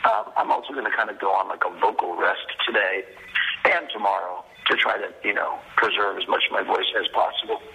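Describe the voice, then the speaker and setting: A radio host with laryngitis, hoarse and halting, leaving a rambling voicemail message that is played back over the phone. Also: male voice, deep voice, bright, forceful tone, rough recording.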